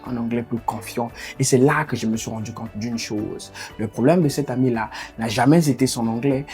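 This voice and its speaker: A man's voice: mid-range voice, mellow. A man giving a motivational video lesson, talking straight to the viewer in an encouraging, insistent way. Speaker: online English coach.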